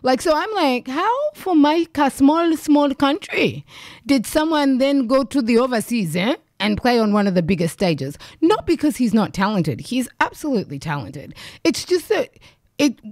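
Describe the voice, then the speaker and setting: A woman's voice: fairly high pitch, vocal fry, a little mellow, dry recording, clean studio sound. A woman radio host, raised in Australia with Ugandan roots, chatting in a loose, rambling way between songs.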